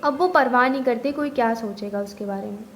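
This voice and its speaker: A young woman with a high voice tells a reflective first-person story. She speaks gently and thoughtfully, and carries the other characters' lines in her own voice. Soft music plays faintly behind her. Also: fairly quick.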